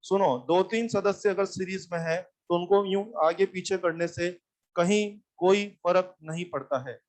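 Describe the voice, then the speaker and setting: A man's voice: high voice, fairly even intonation, unhurried, darkish tone. A man teaching physics to a live class, explaining circuits step by step, repeating points and telling students to sit down and listen. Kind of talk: classroom lecture.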